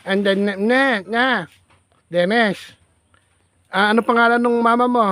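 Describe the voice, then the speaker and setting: A man's voice: very high voice, steady tone, measured pace, pushed and bright, dry recording. A man vlogging outdoors in farm fields, chatting with a child in a playful, teasing, coaxing way. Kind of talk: casual teasing chat with a child.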